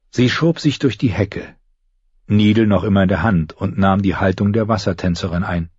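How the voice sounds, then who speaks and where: A man narrating a fantasy audiobook in a measured, expressive storytelling manner. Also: on the low side, slightly rough, no room sound, dull audio.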